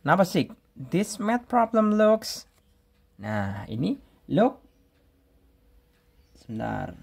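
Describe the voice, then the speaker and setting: Slow, gravelly-voiced male English teacher. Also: a little high, wildly swooping pitch, a little mellow. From Indonesia. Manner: explains step by step, reads example sentences slowly aloud. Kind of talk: classroom grammar explanation.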